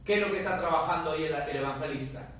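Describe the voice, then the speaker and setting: A man, a friar, teaching a theology class, reading scripture aloud and explaining it in a lively, conversational way while he questions his students. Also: a little high, racing. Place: lecture room. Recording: very echoey room, far from mic, faint hiss.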